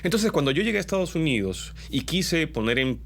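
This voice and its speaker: A Peruvian man who works as a voice-over announcer, explaining to his viewers in an animated teaching tone, his Peruvian accent somewhat mixed, often ending points with a question. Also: fairly quick, gravelly, a little hiss or hum. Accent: Peruvian Spanish, mixed. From Peru. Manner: animated, pitch jumping up on key points; explanatory, with frequent tag questions. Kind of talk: instructional talk to viewers.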